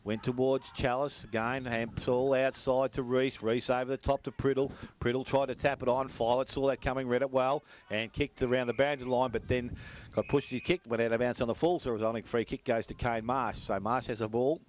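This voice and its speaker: An Australian man giving rapid running play-by-play commentary on a local football match. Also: mid-range voice, fairly even intonation, a little hiss or hum.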